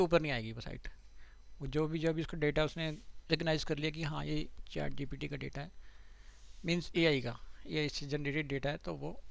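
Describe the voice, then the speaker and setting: A man runs a live online class in a relaxed, conversational way, talking through screens and asking his students whether they're following. His voice sits a bit high for a man and has a gravelly, creaky edge. He speaks into a computer mic on a call. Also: no room sound. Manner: conversational, repeats "theek hai" to check students follow. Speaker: digital marketing trainer.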